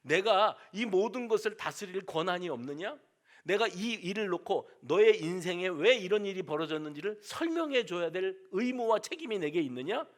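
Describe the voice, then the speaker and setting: A commanding God figure who questions a man sternly, one pointed question after another. The voice sits high and moves through a wide, lively range. A preacher puts this voice on within his sermon. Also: moderate pace.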